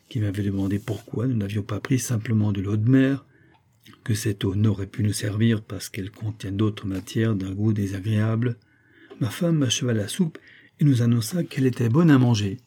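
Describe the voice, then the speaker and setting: Mellow, husky man reading a storybook. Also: on the low side, normal speed. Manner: steady first-person storytelling. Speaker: audiobook narrator. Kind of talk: audiobook reading of a classic novel.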